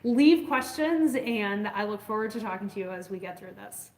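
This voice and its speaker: A woman in her forties speaks in a casual monologue to her viewers, explaining the food business she consults for. She talks enthusiastically and rambles, with plenty of fillers and restarts. Her voice is mid-pitched and carries a roomy echo. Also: animated, moderate pace. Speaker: food safety consultant and coach. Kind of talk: casual talking-to-camera monologue.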